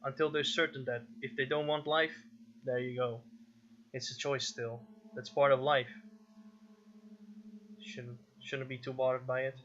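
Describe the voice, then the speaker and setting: A man's voice: mid-range voice, little pitch movement, a little slow, long pauses, fairly bright tone, slight background noise. Rambling man reading game text aloud. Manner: rambling, self-correcting, musing aloud. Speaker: gaming video host. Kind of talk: casual let's-play commentary, reading game text aloud. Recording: slightly dull lo-fi audio with faint game music.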